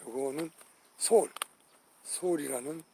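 This outdoor walking vlog follows an older male host among garden flowers; he names each one, exclaims and repeats it, and spurs his audience with rousing patriotic appeals. His fairly high voice carries vocal fry and a warm tone at an unhurried pace, over a slight hiss or hum.

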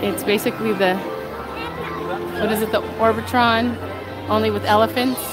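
Strolling through a crowded theme park, a vlog host live-streams from her handheld phone in a steady, medium-pitched voice, speaking a little slowly. She's recovering from a cold and sounds slightly nasal, chatting casually and laughing often as loud crowd chatter and park music fill the background.

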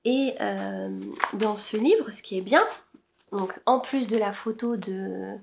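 A woman's voice: medium pitch, takes it slowly, gravelly, background noise. A woman chatting casually about her knitting to camera, hesitant with many fillers. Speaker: knitting podcaster. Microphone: camera-mounted shotgun mic.

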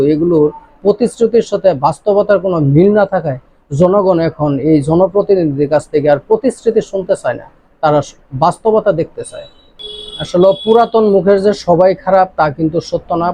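A man from Bangladesh giving his opinion in an interview, speaking in a measured, deliberate way with pauses and restarts. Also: on the high side, mellow, dry recording. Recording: dull lo-fi recording.

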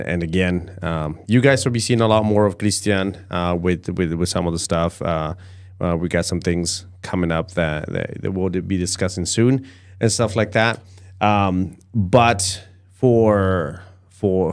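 Guy in his 40s hosting a stream, kinda low voice, chatty, says things twice. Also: clean tone. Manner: repeats words and phrases. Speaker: host of a livestream show. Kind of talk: casual livestream chat and sign-off. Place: acoustically padded studio, indoors. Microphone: close podcast microphone.

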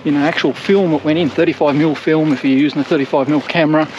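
A man's voice: on the high side, steady tone, fast, a little mellow, dull audio, slight background noise. An older Australian man rambling casually as he walks a coastal trail, filmed on an action camera at arm's length outdoors. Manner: chatty, rambling, self-mocking. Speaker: hiking vlogger. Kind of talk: casual walking commentary. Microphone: action camera held at arm's length.

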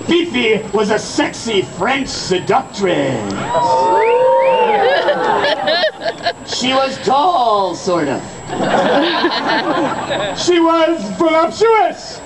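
A man's voice: very high-pitched, very animated, slow pace, heavily acted. A man voicing a bawdy skeleton puppet emcee, telling a comic story on an outdoor fair stage with theatrical, teasing asides. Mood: bawdy narrating. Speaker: comic storyteller directing audience volunteers. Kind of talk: bawdy live stage comedy narration. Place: outdoor fairground stage, heard from the audience. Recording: outdoor audience camcorder, crowd laughter, loud noise.

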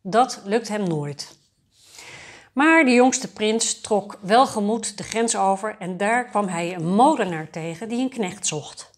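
A woman storyteller reads a fairy tale for adults aloud. Her delivery is calm and measured, at a middling pitch for a woman.

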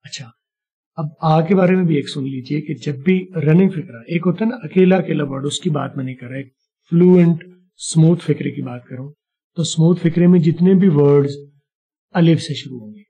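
A man teaching spoken English in a casual lesson, explaining points patiently and slowing down for English example phrases. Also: fairly high pitch, dark tone, slightly rough, dull audio.

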